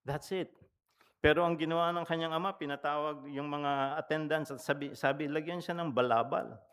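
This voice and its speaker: Guy pastor giving a sermon, kinda high voice, chatty storytelling, keeps asking the crowd stuff. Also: steady tone, moderate pace, fairly bright tone, smooth. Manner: conversational, storytelling, asks the congregation questions; switches between Tagalog and English mid-sentence.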